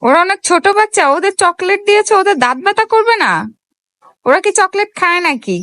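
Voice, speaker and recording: A mother filming her small child, talking in a gentle, coaxing way and asking many little questions. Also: extremely high pitch, animated, a little fast, dry recording. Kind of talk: casual vlog talk to a small child.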